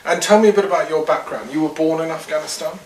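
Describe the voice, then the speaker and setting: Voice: medium pitch, quick pace, roomy sound, distant mic, a little hiss or hum, rough recording. An interviewer welcoming a guest and prompting her with short questions and murmured acknowledgements. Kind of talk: casual interview chat. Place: large room in a castle.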